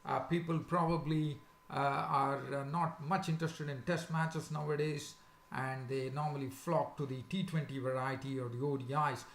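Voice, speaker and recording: A man with a sore, swollen-sounding throat, hosting a casual, unscripted cricket preview in a halting, hesitant way. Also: on the high side, fairly even intonation. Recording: echoey, roomy sound.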